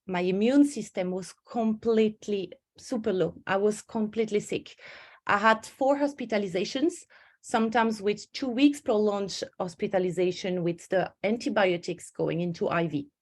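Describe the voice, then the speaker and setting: Over a home computer mic on a video call, a Swiss stress management coach presents an online webinar. Her mid-range voice moves at a normal speed and sounds a little mellow, and she speaks in a sincere, personal way, often correcting herself partway through sentences.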